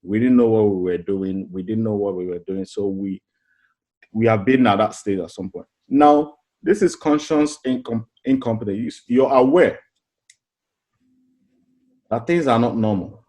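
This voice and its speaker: A middle-aged life coach teaches an informal motivational class with a lowish, slightly mellow voice at a moderate pace. His manner is earnest and chatty, full of restarted phrases and rhetorical questions.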